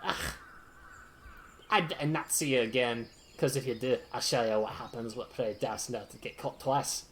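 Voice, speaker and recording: A streamer voicing a scornful rival archer, gruff and mocking, reading game dialogue aloud. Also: medium pitch, normal speed, a little hiss or hum, lightly acted.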